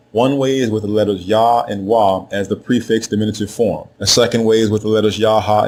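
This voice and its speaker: A man narrating a scripted lesson in a measured way, spelling out letters and saying each name slowly twice. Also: on the low side, a little mellow, a little hiss or hum. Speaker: teacher of Hebrew names.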